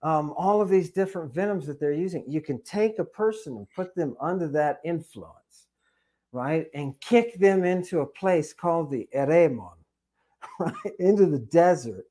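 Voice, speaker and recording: A man with a fairly high voice talks through a podcast discussion. He is animated and peppers his points with fillers and rhetorical "right?" tags. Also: moderate pace.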